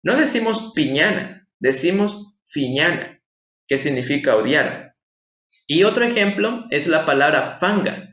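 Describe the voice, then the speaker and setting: A man's voice: fairly high pitch, animated, unhurried, fairly bright tone. A man teaching a language lesson online, explaining patiently and asking his viewers rhetorical questions. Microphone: screen-share voice-over. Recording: echoey room, slightly dull lo-fi sound.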